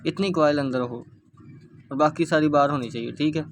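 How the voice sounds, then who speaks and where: A man's voice: a little high, a little hiss or hum. A man with a Pakistani Urdu accent giving a hands-on speaker repair tutorial, explaining each step steadily as he works. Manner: steady, repetitive explaining while working with hands.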